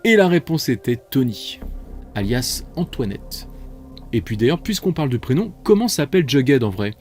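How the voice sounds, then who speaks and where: A man's voice: mid-range voice, big pitch swings, normal speed, darkish tone, faint music behind. A man hosting a multiple-choice quiz, reading out questions and options with playful, chatty asides. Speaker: quiz host.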